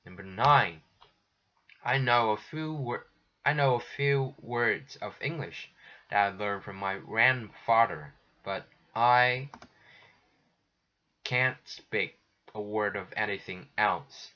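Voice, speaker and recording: This English teacher's recorded textbook walkthrough features a man with a fairly low pitch and a sharp tone. He takes the exercises slowly and patiently, restarting often, over dull lo-fi audio.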